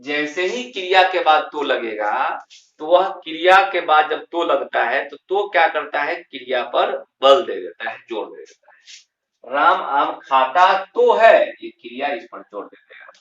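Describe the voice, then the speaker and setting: A man with a bright, animated voice on the high side teaches English grammar in a classroom lesson. He goes slowly and emphatically, repeating key terms and posing questions he answers himself. He sounds distant from the mic in an echoey room, and the audio is dull and lo-fi.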